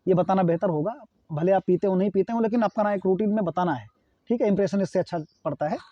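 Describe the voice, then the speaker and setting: High-voiced man teaching slowly. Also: dry recording, lo-fi sound. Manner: explains in Hindi, says English sentences slowly and clearly. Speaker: English teacher. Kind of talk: spoken English lesson.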